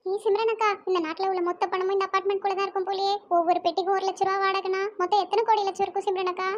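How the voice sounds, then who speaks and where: Woman doing a squeaky, cheeky young cartoon woman. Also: little pitch movement, very fast, dull audio. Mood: teasing. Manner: teasing, giggly, sing-song.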